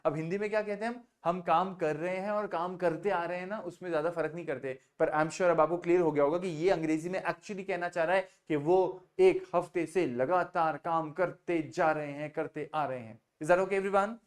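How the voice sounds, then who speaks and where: A man's voice: on the high side, fairly even intonation, normal speed, few pauses. A man teaching spoken English on a video call, patiently repeating examples and mixing Hindi with English. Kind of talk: online spoken English lesson.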